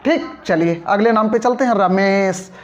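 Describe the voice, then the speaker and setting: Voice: mid-range voice, a little slow. A teacher giving a step-by-step spelling lesson, patiently breaking words into syllables and checking that the class understood. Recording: dull lo-fi audio.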